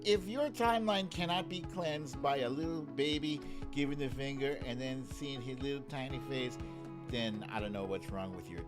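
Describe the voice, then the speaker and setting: A man with a mid-range voice hosts a live stream, offering casual, playful commentary. He chats with viewers using slangy phrases that he repeats often.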